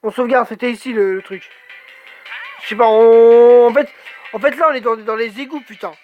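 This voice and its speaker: A man giving let's play commentary, swearing a lot and exclaiming excitedly as he talks to himself. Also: very high voice, moderate pace, phone-quality sound, faint music behind. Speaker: gamer.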